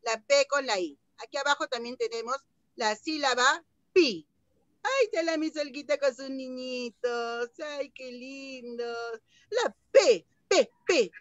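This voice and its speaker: A woman teaching young children an online lesson, sounding out syllables in a slow sing-song way, heard through a computer mic on a video call. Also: high voice, animated, fairly bright tone, no room sound, dull audio.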